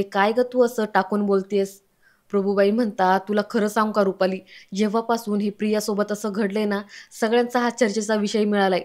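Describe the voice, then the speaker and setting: A woman with a Marathi accent retelling a television serial episode as a story, reading every character's lines herself. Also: mid-range voice. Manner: reads all characters' lines herself, quoting them in a mostly even tone. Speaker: serial episode recap narrator.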